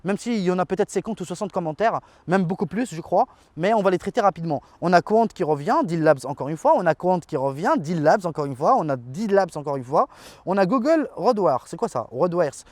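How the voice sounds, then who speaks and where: A man's voice: high-pitched, expressive, a little fast, a little mellow, no room sound. A man, chatting casually as a tech video host reading viewer comments, loose and informal with frequent fillers and slang. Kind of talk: casual chat.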